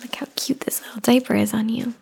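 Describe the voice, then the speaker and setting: A woman in an ASMR caretaker roleplay, speaking softly and soothingly, often in a whisper, close to the microphone. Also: a little high, flat delivery, fast, gravelly, breathy edge.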